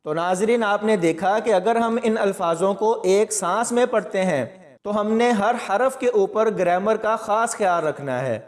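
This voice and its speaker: A man with a high voice gives a step-by-step tajweed lesson, teaching Quran recitation by explaining pronunciation patiently and methodically. The recording has a long reverb tail.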